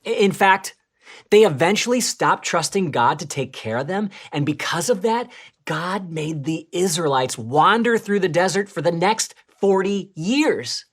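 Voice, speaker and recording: A woman with a low voice co-presents a scripted children's church lesson. Her pitch swings widely as she tells the story, turning from excited to hushed. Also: measured pace.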